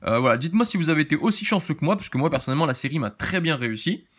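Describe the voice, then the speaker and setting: A man's voice: a little high, big pitch swings, very fast, fairly bright tone. A man with a southern French accent, a little tired, chatting casually as he opens trading cards in a vlog and rambling with frequent filler tags. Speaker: card-opening YouTuber. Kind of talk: casual card-opening vlog.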